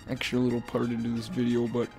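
A man talks through a video game in a loose, rambling way, full of ums and uhs and repeated phrases. His pitch stays flat and even throughout. Soft background music runs faintly under his voice. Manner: rambling, repeats himself, many fillers; says he is talking fast to keep it short. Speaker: gaming YouTuber. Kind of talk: casual gaming commentary.

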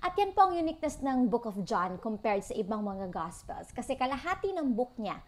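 A woman with a Filipino accent preaches a sermon in a high, light voice. She reads scripture aloud and checks in with her listeners through questions. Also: sing-song, fairly quick. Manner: mixes Tagalog and English, reads Bible verses aloud, asks the listeners questions.

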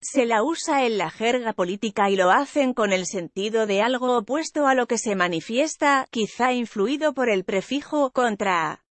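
Female news voice-over, fairly high pitch, even measured read, dry booth sound. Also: dry recording. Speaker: news reader. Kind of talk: reading a news article aloud.

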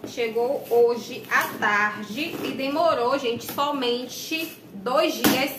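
A woman's voice: fairly high pitch, very slow. A young woman from Brazil with a Bahian accent, chatting casually to viewers while unboxing in a small room, recorded on a camera mic. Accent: Bahian Brazilian Portuguese. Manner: chatty, addresses viewers often. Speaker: vlogger. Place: small room indoors, plain wall. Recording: echoey room, faint background noise.

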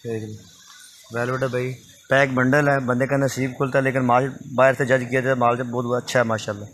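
The speaker is a young man from Pakistan vlogging inside a small clothing shop, selling used clothing bundles and repeatedly asking viewers to look and call. Recording on a phone held near him, he speaks fairly quickly in a mid-range, level and slightly bright voice, with a bit of hiss or hum.

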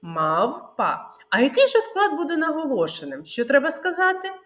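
A woman's voice: high voice, wildly swooping pitch, fast. A woman kindergarten teacher giving a literacy lesson, asking the children questions, praising them and singing out syllables.

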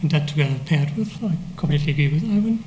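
A man from a startup company answering on a conference panel, measured and earnest. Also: a little high, animated, darkish tone, reverberant, a little hiss or hum. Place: conference auditorium, seated at panel table.

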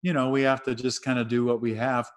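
A man's voice: medium pitch, little pitch movement, fast. A middle-aged man hosting an interview from home over a video call, asking easygoing, conversational questions. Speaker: host. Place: home room with shelves. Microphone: webcam on video call.

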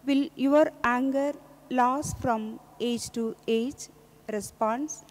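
A woman's voice: on the high side, slow pace, slight background noise. A woman solemnly reading scripture aloud as a lector in a church. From India. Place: large indoor church, at a lectern. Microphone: gooseneck microphone on lectern. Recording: echoey church reverb.

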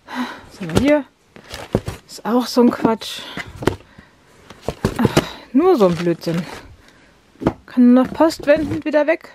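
A woman's voice: sits high, sing-song, takes it slowly, pauses often. A woman vlogging in a casual chat, talking to herself with exasperated asides and muttered comments. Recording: noisy home recording.

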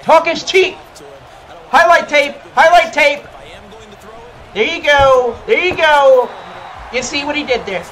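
Casting: man, very high voice, cocky game trash talk. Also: slow, long pauses, a bit bright, slight background noise, poor audio. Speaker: gamer. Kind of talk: trash-talking game commentary.

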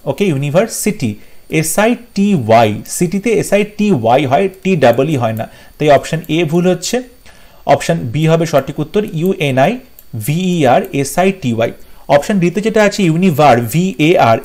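Man, fairly high voice, spelling lesson, letter-by-letter, repeats each word, talks to students. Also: darkish tone. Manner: addresses students directly. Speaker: English teacher. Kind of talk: exam-prep spelling lesson.

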